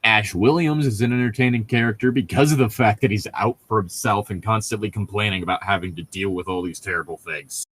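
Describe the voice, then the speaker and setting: This man's voice sits on the low side and sounds fairly bright, moving fairly quickly with few pauses. He co-hosts a podcast about a book, bantering jokingly and rambling off course while correcting himself.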